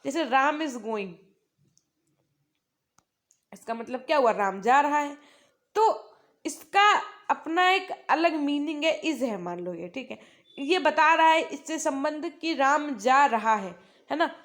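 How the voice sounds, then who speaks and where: High-voiced Indian woman teacher. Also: animated, fairly bright tone. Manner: explains in Hindi, reads English lines slowly. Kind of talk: online class lecture.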